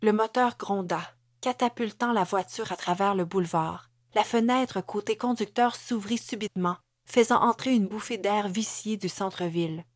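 A woman's voice: medium pitch, no echo, studio quality. Québécois woman narrating a thriller audiobook. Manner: measured, dramatic reading. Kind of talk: scripted narration.

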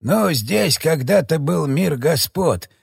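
A man voicing a frightened, very old male elder who talks in hushed, halting phrases in an audiobook. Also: on the high side, animated, creaky, slightly rough, no echo, studio quality, exaggerated voice. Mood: somber recounting. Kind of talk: audiobook character voice.

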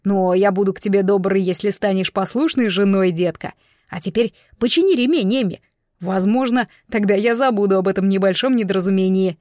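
A woman's voice: mid-range voice, a little fast, darkish tone, no echo, clean studio sound, lightly acted. A woman voicing an arrogant, smug young man who mocks and bullies his fiancée. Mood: cold. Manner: mocking, condescending. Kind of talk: audiobook character voice.

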